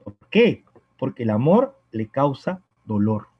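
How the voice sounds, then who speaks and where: A man's voice: mid-range voice, sing-song, a little slow, husky, dry recording. A man teaching literature in a recorded prep-course lesson, explaining patiently and often checking in with the student. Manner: explanatory, keeps addressing the student and adding "¿no?" tag questions. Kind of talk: recorded exam-prep lecture. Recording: slightly dull lo-fi recording.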